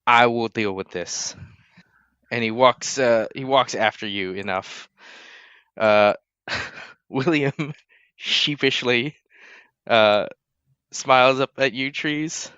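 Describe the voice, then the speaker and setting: A man narrating as game master of a tabletop game, unhurried, with many fillers. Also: mid-range voice, bright, forceful tone, clear, resonant tone, no room sound, highs cut off.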